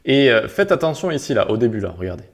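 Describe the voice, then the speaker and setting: Very animated and talking fast at mid-range pitch, a web development instructor narrates a screen-recorded coding tutorial step by step. He keeps it casual and adds sound words like "tac" and "hop" as he clicks.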